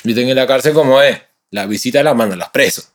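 A young man with a Uruguayan Spanish accent talks in a casual interview. He tells his stories with animated street slang and switches into other people's voices as he goes. His pitch sits in a typical middle range for a man. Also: fast. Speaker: rapper guest.

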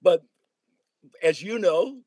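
A man's voice: high voice, lively intonation, slow pace, dark tone, dry recording. A man in a casual podcast conversation, telling stories animatedly, laughing often and acting out his own past thoughts. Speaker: former high school theater director, podcast guest.

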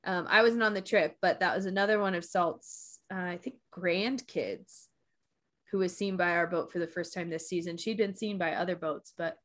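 A woman co-hosting a casual podcast, chatty and quick to laugh. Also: fairly low pitch, steady tone. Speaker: podcast co-host, science researcher.

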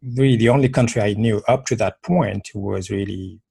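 A man's voice: fairly low pitch, normal speed, vocal fry, warm tone, breathy edge, dry recording. A man from Senegal, a guest on a podcast, telling his life story earnestly in conversation, often restarting and repeating words. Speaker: podcast guest, motivational speaker and life coach.

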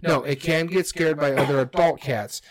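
A man's voice: on the high side, steady tone, normal speed, crowd noise. A man co-hosting a podcast in casual conversation, chipping in with clarifications. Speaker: podcast co-host.

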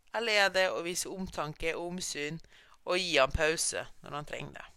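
Upbeat podcast host, relaxed encouraging pep talk, clean dry close-miked sound. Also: mid-range voice, smooth, no room sound. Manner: casual, encouraging, sprinkles in English slang. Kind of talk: motivational podcast monologue.

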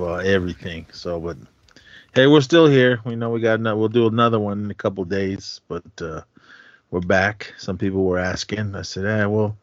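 A man's voice: on the low side, no room sound. A middle-aged man co-hosting a podcast in casual, laid-back, slangy chat. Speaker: podcast co-host. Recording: dull lo-fi, dry close sound.

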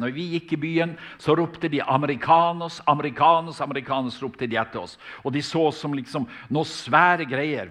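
A man's voice: mid-range voice, fairly bright tone. A man from Norway, preaching a sermon and telling stories in a fervent, emphatic way, often restarting his phrases. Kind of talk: sermon with storytelling.

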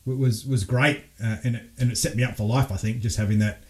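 An Australian man, a former fighter pilot, telling lively stories as a podcast guest, laughing often and restarting his sentences. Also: medium pitch, quick pace. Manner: animated storyteller, laughs often, frequent restarts. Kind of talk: casual storytelling interview.

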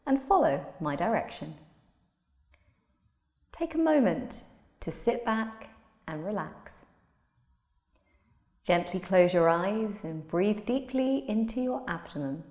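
A woman leads a guided relaxation in a soft, soothing voice, taking her time over every phrase. Her tone is warm and mellow, and the sound carries a long, roomy reverb as if in a large hall. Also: mid-range voice. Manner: slow, soothing, soft-spoken delivery. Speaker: meditation guide.

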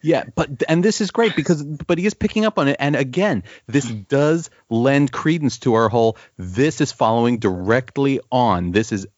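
A man's voice: mid-range voice, moderate pace, hardly any pauses, darkish tone, no room sound. A man co-hosting a casual comics chat, enthusiastic and often repeating words while he searches for the phrasing. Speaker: podcast co-host discussing comics. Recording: dull, dry lo-fi sound.

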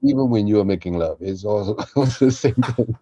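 A non-native English speaker, this man co-hosts a podcast and works as a voice performer, chatting casually in a jovial, encouraging way. His voice is on the low side, dark and slightly rough, and he speaks a little fast. The recording is dry and muffled.

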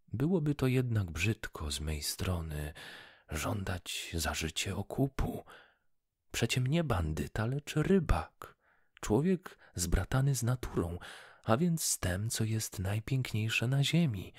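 A man voicing a gentle, dreamy poor fisherman who speaks softly and pleads, lifted above his own voice. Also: deep voice, breathy edge, dry recording, studio quality, pitched above the performer's own voice, exaggerated voice. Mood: earnest.

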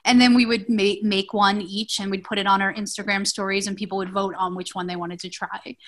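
A woman's voice: medium pitch, flat delivery, a little fast, fairly bright tone. Woman, New York accent, chatty, laughs readily, bakery co-owner, interview. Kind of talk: casual interview.

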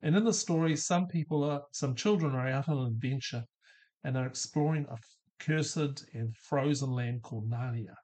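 A man's voice: mid-range voice, moderate pace, darkish tone. A middle-aged man hosting a solo podcast, talking through ideas thoughtfully and asking the listener questions. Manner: thoughtful, asks questions, light laughs. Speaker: podcast host. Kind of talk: reflective solo monologue.

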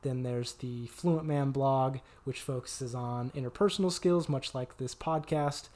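A man's voice: medium pitch, unhurried, warm tone. A man hosting a podcast, giving an upbeat, promotional outro as a dating coach.

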